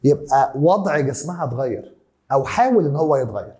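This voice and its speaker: A man's voice: a little high, expressive, brisk, mellow. A man with an Egyptian accent teaching a science lesson, repeating key terms and mixing in English words. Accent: Egyptian Arabic. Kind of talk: classroom lesson explanation.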